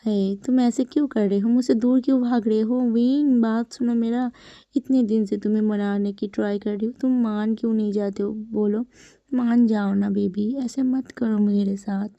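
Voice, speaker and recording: A woman's voice: fairly high pitch, steady tone, normal speed, mellow, dry recording, close to an everyday voice. A woman voicing a persistent young man who keeps chasing the one he loves, coaxing and dramatic in his pleas. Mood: pleading. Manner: coaxing and dramatic, rising to indignant. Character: persistent, pleading young male suitor. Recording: dull, dry lo-fi recording.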